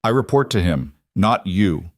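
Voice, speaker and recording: A man's voice: sits low, lively intonation, a little slow, no echo, studio quality. A man reading the lines of a defensive male henchman in a mafia story.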